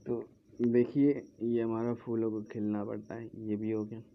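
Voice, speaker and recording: Male tutor, gravelly and monotone, slow drilling delivery, muffled home recording with faint background. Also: lowish voice, a little hiss or hum. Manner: slow, repeating words while writing on a board. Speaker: English teacher. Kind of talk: explaining English grammar in Hindi. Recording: dull lo-fi sound, faint background.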